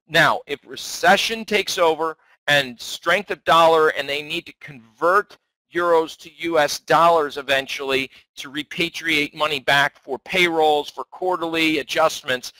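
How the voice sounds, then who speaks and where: A man's voice: a little high, pushed and bright, no echo, low-quality recording. A man giving a weekly stock market outlook in a conversational, self-correcting way. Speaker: market analyst. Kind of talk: market commentary.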